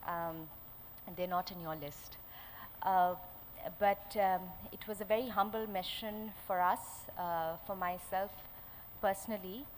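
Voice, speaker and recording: A woman with an educated, upper-class Indian accent gives a conference keynote in a halting way, pausing often as she goes. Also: medium pitch, fairly even intonation. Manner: hesitant, halting delivery with frequent pauses. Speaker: keynote speaker. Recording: background noise, live event ambience.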